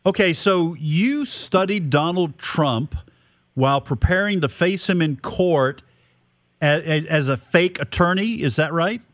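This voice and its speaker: A man from New Hampshire hosting a radio talk show, asking questions conversationally and haltingly, repeating words as he goes. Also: a little high, no echo. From New Hampshire, United States. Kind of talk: conversational interviewing.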